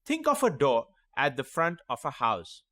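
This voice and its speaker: A man teaching a children's phonics lesson, sounding out letters and words slowly and clearly and encouraging young learners. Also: medium pitch, huge pitch swings, a bit bright, no echo, studio quality. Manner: slow, clearly sounding out each letter and word.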